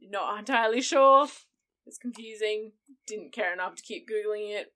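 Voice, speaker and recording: A woman's voice: medium pitch, normal speed, a bit bright. A woman hosting a casual true-crime chat from notes, irreverent, sweary and self-deprecating in the way she talks. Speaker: podcast host.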